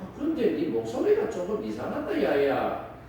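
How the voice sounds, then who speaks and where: A man voicing an old blind father in a retold Bible story, speaking slowly and gravely. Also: high-pitched, wildly swooping pitch, background noise. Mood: suspicious. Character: old blind male patriarch blessing his son. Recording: echoey church hall, distant mic.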